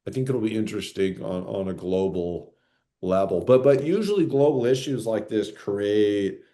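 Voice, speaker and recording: A man's voice: fairly low pitch, animated, moderate pace, warm tone. A man co-hosting a podcast in casual chat, rambling with lots of fillers and "right?" tag questions. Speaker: podcast co-host.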